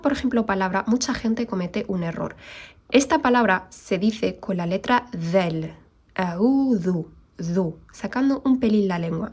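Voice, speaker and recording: A woman's voice: mid-range voice, darkish tone. Patient woman teaching recitation sounds. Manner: patient, explanatory, models Arabic sounds slowly. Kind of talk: online lesson.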